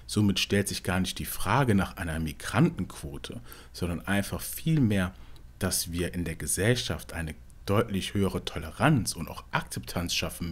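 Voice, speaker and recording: Man, from Togo, panelist, very deep voice, husky, analytical. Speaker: discussion panelist. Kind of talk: casual discussion.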